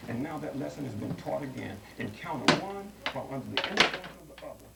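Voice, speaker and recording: Gravelly man on an old VHS tape. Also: mid-range voice, expressive, reverberant, distant mic, heavy background noise. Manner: measured, pointed editorial delivery. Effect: TV broadcast taped on old VHS. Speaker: news commentator. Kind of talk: read commentary.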